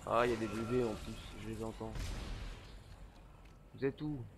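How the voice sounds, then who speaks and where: A man's voice: on the low side, fairly even intonation, moderate pace, noisy background. Swearing, jokey young man playing a game. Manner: swearing, jokey, bursts of shouting. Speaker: gameplay commentator. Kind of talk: let's play commentary.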